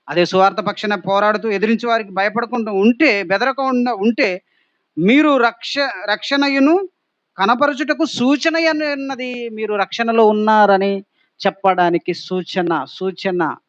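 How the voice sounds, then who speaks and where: A man's voice: high voice, dry recording, highs cut off. A male pastor preaching a sermon, pressing the congregation with repeated rhetorical questions and emphatic exhortations.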